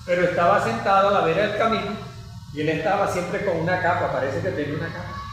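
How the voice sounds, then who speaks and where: A man's voice: high voice, fast, a bit bright, soft background music. A man hosting a conversational Bible study, retelling scripture as a story and checking in with his co-host. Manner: addresses his co-host often. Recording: echoey, distant mic with faint noise.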